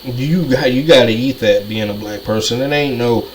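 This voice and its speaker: Speaking at a moderate pace in a medium pitch, this man is a commentator caught up in a heated monologue. His rant is repetitive and full of profanity, and faint noise sits in the background.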